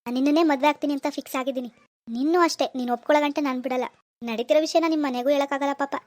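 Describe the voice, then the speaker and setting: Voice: high-pitched, steady tone, racing, no echo, close to an everyday voice. A performer voicing a pushy young man who stalks a schoolgirl in a cartoon, syrupy one moment and menacing the next. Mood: threatening. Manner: menacing and syrupy, calls her baby. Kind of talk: Kannada cartoon voice acting.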